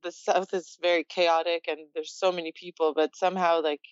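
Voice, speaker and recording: This is a young woman born in Poland, chatting as an interview guest with a smooth, resonant, lowish voice. She is reflective and quick to laugh. The sound is dull and lo-fi. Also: no echo. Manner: relaxed, reflective, laughs often. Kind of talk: casual interview chat.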